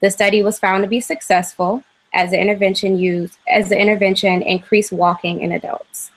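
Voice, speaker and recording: A woman's voice: mid-range voice, steady tone, fairly quick, poor audio. Hesitant young woman presenting to class. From Cleveland, Ohio, USA. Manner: hesitant, frequent "um" fillers. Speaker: graduate student presenter.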